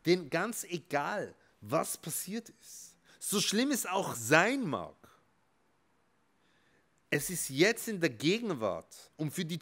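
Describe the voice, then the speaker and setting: A man, a rabbi, giving an emphatic motivational talk that swings between soft and loud. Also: high-pitched. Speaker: rabbi and therapist.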